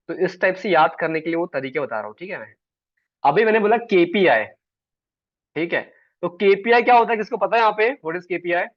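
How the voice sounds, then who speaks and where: A man's voice: high-pitched, dry recording. A man teaching an online sales class, chatty and always checking in with his students. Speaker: sales trainer. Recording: dull, dry online call audio.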